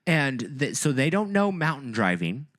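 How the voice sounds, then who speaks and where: A man's voice: medium pitch, big pitch swings, moderate pace, fairly bright tone, dry recording, clean studio sound. A man co-hosting a casual podcast, ranting with lots of swearing in an exasperated way. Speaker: podcast co-host.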